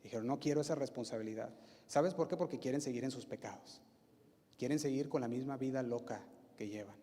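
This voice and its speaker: A pastor with a Mexican Spanish accent delivers his sermon fairly quickly, his warm, mid-range voice echoing through a church hall. He drives points home with emphatic repetition and rhetorical questions.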